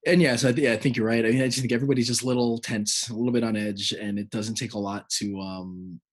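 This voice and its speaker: A man's voice: medium pitch, fairly even intonation, fast talker. Give me a man with a mid-range voice who hosts a podcast. He is easygoing and hesitant, filling gaps with ums. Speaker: podcast host. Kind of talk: casual chat.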